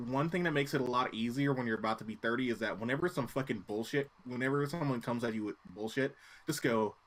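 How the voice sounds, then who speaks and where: A man's voice: mid-range voice, fast, a bit bright. A man in his late twenties co-hosts a casual podcast in a mid-range voice. He riffs with wry humor and casual profanity, keeping things loose and conversational. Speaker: podcast co-host. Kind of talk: casual chat.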